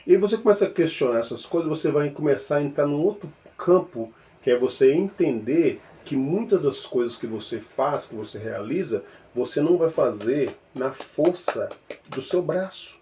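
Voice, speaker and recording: A man with a Mineiro Brazilian accent talks through spiritual ideas in a loose, conversational way. His voice sits fairly high and swings widely, from excited bursts to quiet murmured repetitions. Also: moderate pace, slight background noise. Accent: Mineiro Brazilian Portuguese. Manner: animated, playful, with exclamations and soft murmured repetitions. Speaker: spiritual speaker. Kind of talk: informal teaching monologue.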